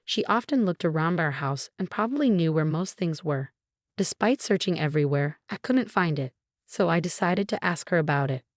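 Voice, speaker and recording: A woman reading a scripted first-person story in a calm, even storytelling manner. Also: deep voice, no echo, clean studio sound. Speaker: narrator.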